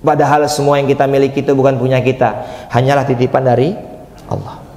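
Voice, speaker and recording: A man's voice: mid-range voice, level tone, quick pace, a little mellow. A man giving a conversational sermon, asking the audience questions and answering them himself. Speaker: preacher. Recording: echoey hall, reverberant.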